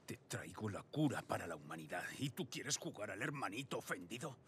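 A weary, hardened middle-aged survivor in a video game dub. He talks in a gruff, insistent way with a lively swing in pitch. A faint hum of game noise sits behind him. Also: brisk. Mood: bitter. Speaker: protagonist.

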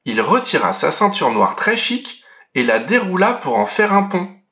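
A man reading a children's picture book aloud in a gentle, clear narration with a story-reading lilt. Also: high-pitched, big pitch swings, moderate pace.

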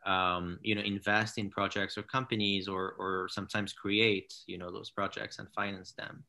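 A man in his thirties from Morocco, a founder talking in a casual interview over a video call from his living room, halting with many fillers and restarts. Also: lowish voice, level tone, creaky, sharp tone. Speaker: founder and CEO, guest. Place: home living room with large window. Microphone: laptop or webcam on a video call.

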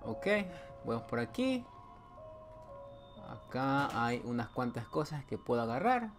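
A man's voice: mid-range voice, sing-song, measured pace, faint music behind. A man commenting his way through a horror video game, joking, talking back to the game and letting out sudden yelps. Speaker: gameplay streamer. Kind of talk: playthrough commentary.

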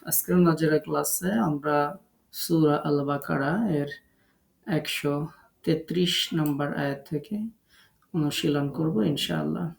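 A man's voice: on the high side, little pitch movement, unhurried, gravelly, pauses often, reverberant. A man from Bangladesh teaching an online tajweed lesson as a Quran recitation teacher. He breaks words into syllables and draws out the recited sounds.

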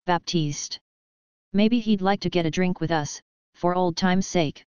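A woman's voice: fairly low pitch, a little slow, darkish tone, clean tone, no room sound, lo-fi sound, lightly acted. A woman voicing a big, boisterous male mercenary with jokey, overfamiliar, menacing charm, in an audiobook story. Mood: breezy menace.

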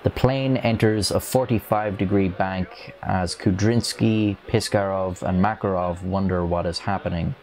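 Young man, very low voice, scripted documentary narration, measured and grave, lapel mic. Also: steady tone, a little mellow, slight background noise. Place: dark studio set.

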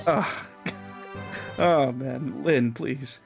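A man with an ordinary mid-range voice chats his way through a game as the host of a let's play. He rambles, restarts sentences and laughs at his own remarks. Soft game music plays quietly underneath. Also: medium pitch, drawn-out words, vocal fry. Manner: rambling, filler-heavy, laughs often. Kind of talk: casual gameplay commentary.

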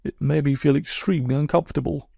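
A man's voice: a little high, fairly even intonation, quick pace, gravelly, mellow, breathy edge, dry recording, studio quality, full character voice. A man voicing a self-pitying, touchy male toad who speaks in a plaintive, wounded way. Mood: aggrieved.

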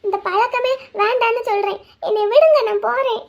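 A woman's voice: very high voice, fairly quick. A woman voicing a tearful proud young woman. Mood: desperate. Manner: sad, resolute. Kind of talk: cartoon drama dubbing. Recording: dull lo-fi audio.

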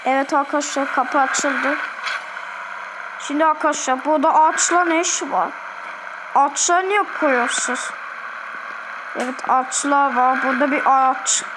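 A woman's voice: high voice, normal speed, long pauses, noisy background. A woman with an Azerbaijani accent giving chatty, repetitive gameplay commentary and keeping up a running talk with her viewers. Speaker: gaming video host.

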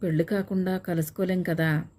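A woman's voice: fairly low pitch, flat delivery, moderate pace, natural voice. A woman reading a bashful young bride-to-be. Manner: soft, bashful. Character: shy young bride-to-be, soft-spoken. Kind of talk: audiobook character reading.

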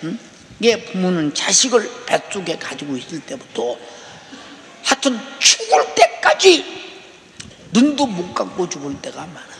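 An older male pastor preaches with a high, swooping voice that leaps between soft asides and emphatic peaks. He keeps prodding his listeners with rhetorical questions. His words ring out through a reverberant sanctuary, with faint noise underneath. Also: wildly swooping pitch, a little slow, gravelly. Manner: emphatic, rhetorical "eh?" prompts to the congregation. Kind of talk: sermon. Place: large church sanctuary. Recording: echoey hall reverb.

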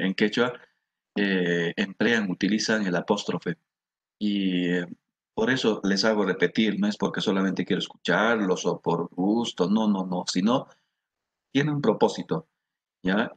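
A middle-aged male teacher with a Peruvian Spanish accent leads a class. He speaks very slowly in a lowish, husky voice and repeats each word so the students can echo it. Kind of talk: classroom lesson.

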